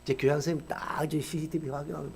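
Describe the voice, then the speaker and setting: A man's voice: very fast, vocal fry, slight background noise. A middle-aged male pastor telling a story in a sermon, acting out the people in it with sudden shifts in voice. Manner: acts out quoted characters with lively swings in pitch and loudness.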